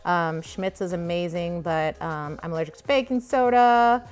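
Speaking at a normal speed with a fairly low pitch, a woman gives an enthusiastic grocery haul tour, gushing over what she finds. It's captured on a handheld phone behind the camera in a grocery store, with ambient store noise and faint music underneath.

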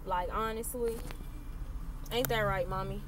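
Holding her phone camera at arm's length, a young woman chats casually to it, teasing and playful, moving from a car to a small room. She speaks unhurriedly in a steady, mid-range voice, and the recording is very noisy.

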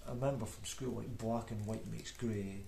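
A low-voiced man with a broad Scottish accent talks casually and a bit haltingly, as in a homemade vlog. His voice has a clear creak to it. The room is audibly echoey around him. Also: steady tone. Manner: rambling, hesitant, self-deprecating. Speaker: beginner painter making video diary. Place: indoor room at a table. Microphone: microphone, off camera. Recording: roomy echo, background noise, clicks.

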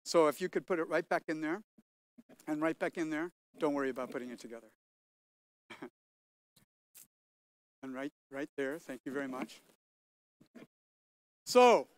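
A high-pitched, smooth and slightly bright voice belongs to an older man giving a lively commencement speech at a podium mic. He playfully quizzes the audience at an outdoor stadium ceremony, in a dry recording.

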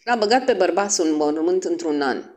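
A hoarse, quavering old man, as a woman narrator puts him on, grumpy and gruff, his voice rising and falling widely. An audiobook reading. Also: fairly low pitch, lively intonation, darkish tone, lightly acted. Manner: gruff, chuckling.

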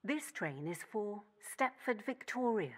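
A woman giving automated onboard train announcements made of spliced-together recorded words. Her delivery is steady and formal, with abrupt pitch jumps on station names. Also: unhurried, heavy background noise. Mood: announcing.

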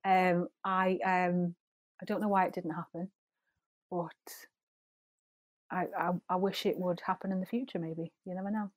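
A woman's voice: lowish voice, level tone, normal speed, long pauses, no echo. A woman in her forties with a Scouse accent, a podcast guest chatting casually and laughing often. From Liverpool, England. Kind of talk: casual chat.

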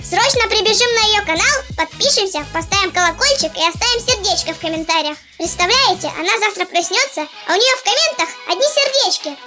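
A performer voicing a cocky, playful young husky puppy as a cartoon dog narrating a vlog, in a pitched-up voice. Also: animated, quick pace, few pauses, pushed and bright, exaggerated voice. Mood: chirpy, excited. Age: puppy under a year. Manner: cartoon dog voice, boastful, cutesy slang. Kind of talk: scripted vlog narration in character. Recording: music playing behind the voice.

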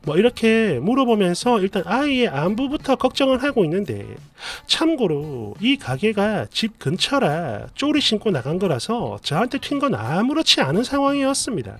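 Male story narrator, high voice, very lively pitch, expressive retelling, works over soft music. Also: moderate pace, few pauses. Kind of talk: storytelling narration of a reader's post. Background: faint background music.

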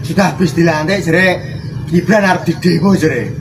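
A young man with a Java accent rants comically to camera. His voice is high and he circles back on his complaints indignantly. The phone recording has clear noise behind it. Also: normal speed. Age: young adult. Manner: indignant, repetitive. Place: outdoors in a yard and overgrown garden. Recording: noisy outdoor phone clips.

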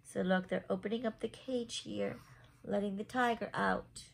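Mid-range and creaky, her voice moves at a moderate pace with fairly even intonation. She is a woman in her thirties reading a picture book aloud to young listeners in a small home room, adding simple questioning asides to an otherwise expressive read-aloud.

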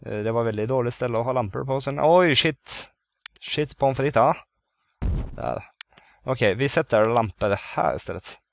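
A man's voice: medium pitch, gravelly. A man chatting casually through his gameplay, thinking aloud and counting under his breath as he builds. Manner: bursts into loud excited exclamations. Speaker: let's play gamer.

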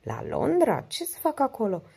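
A woman voicing a beautiful young woman in an audiobook, speaking softly and wistfully. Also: on the high side, wildly swooping pitch, gravelly, slightly rough, voice pushed up, exaggerated voice.

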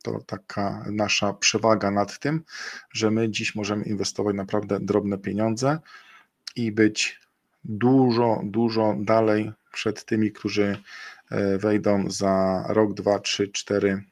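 A middle-aged man gives a screen-share webinar over a video call, using his webcam and computer mic. His fairly low, quite flat voice is hesitant, full of fillers, restarts, and self-corrections, and the sound is dry and close with no room sound.

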